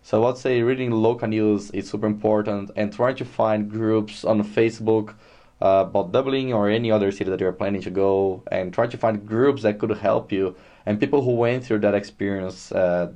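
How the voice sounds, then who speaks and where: Low, mellow Brazilian man chatting. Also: moderate pace. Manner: relaxed, chatty, many fillers. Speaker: guest. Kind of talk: casual interview. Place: Dublin.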